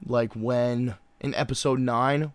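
A young American man talks in full frat-bro mode, loose and slangy with swearing sprinkled all through. His voice sits at an average male pitch in a close, dry recording, like a co-host chatting casually on a podcast. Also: fairly even intonation, slow, smooth, no echo. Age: young adult. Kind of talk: casual chat recapping a show.

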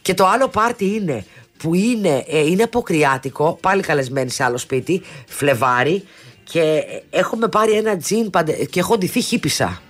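A woman's voice: lowish voice, animated. A woman in her fifties co-hosting a show, telling long stories in casual chat with many restarts and asides. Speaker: radio show co-host.

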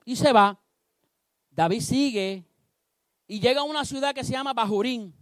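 A man preaching a sermon, telling a story with animated delivery and acting out the characters. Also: very high-pitched, normal speed, no echo, studio quality.

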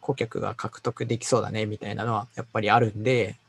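Hesitant, gravelly-voiced man. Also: on the low side, level tone, fast talker. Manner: hesitant, many fillers and stumbles. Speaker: designer. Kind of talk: casual work conversation.

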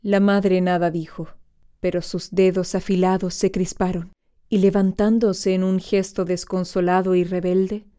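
A woman reading a literary story aloud in a measured, gentle audiobook narration. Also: fairly low pitch, little pitch movement, clean tone.

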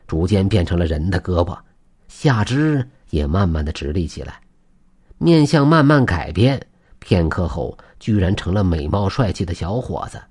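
A man tells a folk tale aloud, animated and expressive. His voice sits low and husky, with lively swings in pitch. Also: normal speed. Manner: animated storyteller narration.

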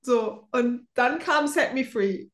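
A young adult woman with a high-ish, animated voice speaks slowly as a podcast co-host in casual fan chat, dropping English words into her German. The sound is roomy and echoey.

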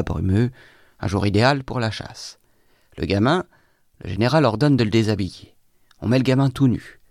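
A man reading a classic novel aloud with measured, expressive narration. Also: lowish voice, creaky, no echo, studio quality. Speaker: reader.

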